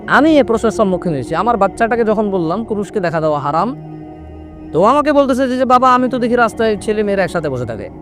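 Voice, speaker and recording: A young man preaching a sermon in an animated way, slipping English words into his talk and lowering his voice when he quotes others. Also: fast, soft background music. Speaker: Islamic preacher. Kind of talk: waz sermon.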